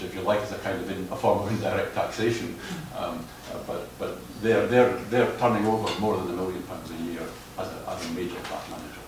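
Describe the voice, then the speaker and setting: A man giving a lecture on footpath management and answering questions, often stumbling and repeating words. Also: deep voice. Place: lecture hall. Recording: echoey hall, distant mic, noise.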